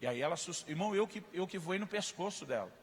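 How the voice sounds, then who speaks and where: Give me a Brazilian pastor preaching, somewhat high voice, reverberant church hall, animated storytelling. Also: male voice, fast talker. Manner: animated storytelling, acting out dialogue, rising to loud emphatic peaks. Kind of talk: sermon.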